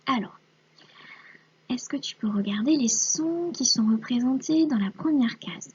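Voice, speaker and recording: A woman teaching a young child to read, stretching out each syllable in an unhurried, patient way. Her voice is very breathy and slightly higher than most, and it often sinks into a soft half-whisper. The recording is dull and lo-fi. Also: lively intonation. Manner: slow, patient, sounds out syllables and letters.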